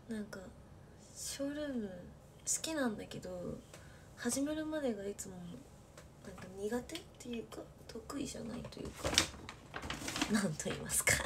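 A young woman with a slightly high voice is casually chatting on a livestream from her bedroom at night, with background noise behind her. She speaks softly, laughs a lot and often lowers her voice to a whisper.

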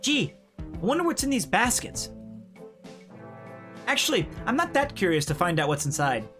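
A man's voice: high voice, sing-song, moderate pace, a bit bright, faint music behind. A man voicing a young male would-be pirate who is squeamish and dryly sarcastic. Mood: wry. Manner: dry, sarcastic asides.

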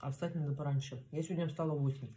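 A woman speaks in an offhand, chatty way to the camera while eating at home. She chews while talking and leaves gaps for bites. Clear background noise and the clatter of cutlery and plates sit behind her voice. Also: deep voice, steady tone, racing, dark tone. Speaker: mukbang vlogger. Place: small room at home, indoors. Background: cutlery and plates clinking.

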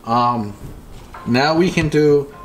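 Slow-talking bilingual man. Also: fairly high pitch, poor audio. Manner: repeats each phrase in English and Spanish. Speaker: home cooking vlogger. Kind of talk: casual bilingual cooking narration. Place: home kitchen, indoors. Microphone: camera mic, off screen behind the camera. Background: music.

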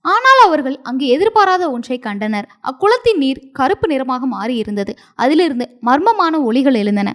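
A woman narrating a story in an expressive, dramatic storybook style. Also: sits high, normal speed, hardly any pauses.

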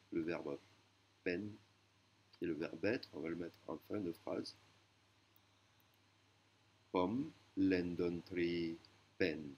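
A man teaching a language lesson, explaining slowly with hesitations and self-corrections. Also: low-pitched, a little mellow, slight background noise.

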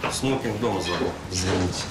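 Quick, cocky rock bandleader, played by a man. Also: low voice, loud music behind the voice, natural voice. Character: cheeky, laid-back male leader of a rock band. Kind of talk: naturalistic screen acting in a melodrama series.

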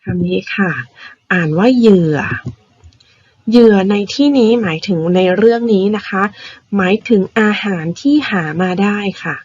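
A woman primary school teacher patiently explaining vocabulary words to young children, spelling them out slowly. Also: mid-range voice, darkish tone, slightly rough, no echo, dull audio. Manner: patient, spells words out slowly, ends phrases with polite particles.

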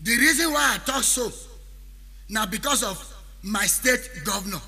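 A man's voice: very high-pitched, lively intonation, normal speed, gravelly, sharp tone. A man from Benin City with an Edo Nigerian Pidgin accent, a musician chanting a preachy, proverb-laden spoken monologue that drifts into half-singing. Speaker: highlife musician. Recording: long reverb with backing music.

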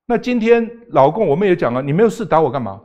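A man's voice: a little high, very animated, fast talker, a little mellow, lo-fi sound. An older man, a talk show guest arguing emphatically and firing off rhetorical questions. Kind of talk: political talk show debate.

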